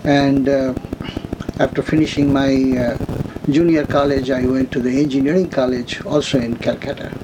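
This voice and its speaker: A man in his seventies from India, slowly telling his life story in an oral history interview, with many pauses and fillers. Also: medium pitch, flat delivery, dull audio, noisy background. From India, West Bengal. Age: 70s.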